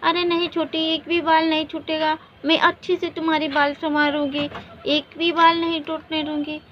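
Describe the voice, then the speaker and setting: A woman's voice: sits high, flat delivery, moderate pace, slight background noise, close to an everyday voice. A woman voicing a meek, mistreated elder wife who pleads and laments. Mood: pleading. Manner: pleading, tearful. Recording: dull lo-fi recording.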